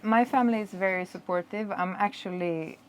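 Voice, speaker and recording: A Swedish woman with a Swedish accent touched by Jamaican patois, answering interview questions in a chatty, animated way. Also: medium pitch, fairly quick, slight background noise. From Sweden. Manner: chatty, laughs easily, animated storytelling. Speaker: dancehall artist.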